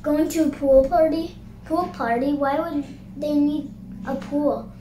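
A woman's voice: high voice, steady tone, a little slow, warm tone. A young girl voicing a cheerful, playful narwhal from a picture book, in a chirpy manner. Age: child. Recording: noisy, roomy home recording.

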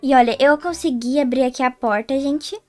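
A woman's voice: sits high, normal speed, a little mellow, no room sound. A woman with a Brazilian Portuguese accent hosting casual gameplay commentary, chatting to her viewers. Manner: chatty, keeps addressing viewers as "gente". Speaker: gaming channel host.

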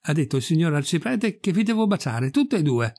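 A man's voice: on the high side, sing-song, a little fast, darkish tone, dry recording. A man voicing a cunning young farmhand who plays tricks, in a sly, innocent-sounding way.

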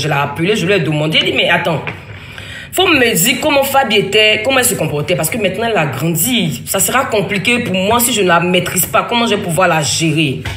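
A woman's voice: medium pitch, a bit bright. A woman, telling a family story in a rambling, emphatic way, acting out other people's lines. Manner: rambling, emphatic, with frequent restarts and quoted dialogue. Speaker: mother telling her story. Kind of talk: casual spoken testimony. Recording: echoey room with faint ambient noise.

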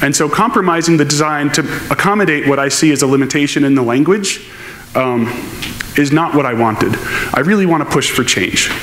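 A man's voice: a little high, brisk, fairly bright tone. A man giving a technical conference keynote on stage, answering audience questions in a thoughtful, explaining manner. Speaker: conference speaker. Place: large lecture hall, on stage. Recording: echoey lecture hall with faint noise.

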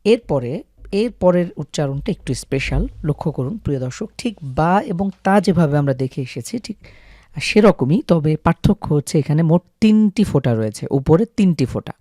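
A man teaches Arabic letter pronunciation in a calm, step-by-step way, stopping to draw out each sample sound. His voice sits a little high. It is recorded close and dry, with no room echo. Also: moderate pace. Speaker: Quran recitation teacher.

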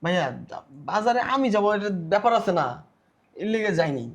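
An actor playing a lazy, spoiled young man who loudly and whiningly demands food. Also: sits high, lively intonation, a little fast. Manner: whiny, demanding, loud. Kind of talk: village family drama acting.

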